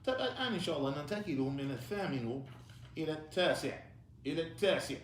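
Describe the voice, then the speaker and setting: A man's voice: fairly high pitch, sing-song, quick pace, slight background noise. A man teaching an Arabic class in a mosque, patiently prompting and correcting his students. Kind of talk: classroom lesson, mixing Arabic and English. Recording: echoey room.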